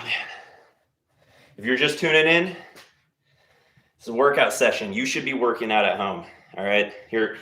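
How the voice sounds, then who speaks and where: A man's voice: mid-range voice, sharp tone. A man hosting a casual live stream as he works out at home. He rambles and jokes while cheering on his viewers. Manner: laid-back, rambling, jokey encouragement. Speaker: livestream host leading a workout. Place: home workout space. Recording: roomy echo.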